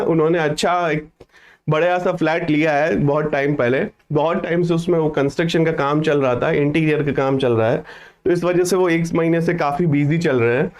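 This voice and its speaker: A man teaching an online exam-prep English lesson, his voice sitting high for a man. He reads each sentence out slowly and then explains it to his students. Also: muffled recording.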